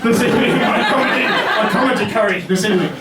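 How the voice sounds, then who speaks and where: A man's voice: very high voice, fast talker, distant mic, over a noisy crowd, very noisy. Man doing stand-up in an echoey basement. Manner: wry, self-deprecating storytelling. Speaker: stand-up science comedian. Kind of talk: stand-up comedy set. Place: basement comedy venue. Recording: roomy echo, mic heard from afar.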